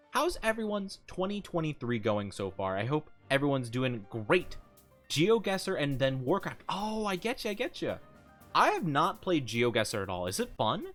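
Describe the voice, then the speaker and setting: A man livestreams a game in a casual, chatty way. His pitch moves in lively swings and he giggles easily. Music plays behind his upbeat commentary.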